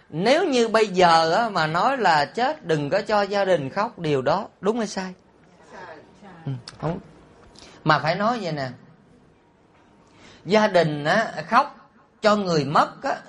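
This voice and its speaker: A man, a Buddhist monk preaching a sermon. He is animated and teasing, and often puts rhetorical questions to his listeners. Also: sits high. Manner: teasing and humorous.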